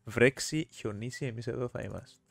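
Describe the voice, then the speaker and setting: Male podcast co-host, Cypriot Greek accent, mid pitch, casual chat, dry recording. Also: creaky, no room sound, soft background music. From Cyprus.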